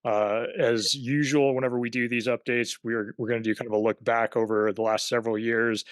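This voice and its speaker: A man presenting on a video-call webinar as a government affairs director, speaking haltingly with many fillers and restarts. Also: mid-range voice, level tone, no echo.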